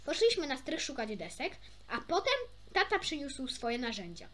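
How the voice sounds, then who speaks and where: Bright and forceful, a young woman's high, sing-song voice carries a children's story at a moderate pace. She's an amateur, expressive and informal, occasionally fumbling words and self-correcting between little conversational asides.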